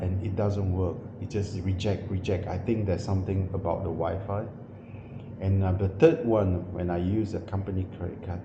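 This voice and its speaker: In a casual vlog walkthrough of a small windowless hotel room, a New Zealand man speaks to the camera in a low, gravelly voice. He's a travel vlogger whose halting delivery is full of fillers, repeats and self-corrections. The sound is boomy, slightly dull, echoey and muffled, with background noise.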